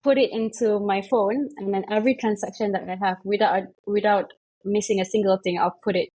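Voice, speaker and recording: A young woman from Malaysia, chatting as an interview guest, full of fillers and quick self-corrections. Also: medium pitch, fairly even intonation, dark tone, low-quality recording. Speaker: guest, investment manager. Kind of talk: casual interview chat.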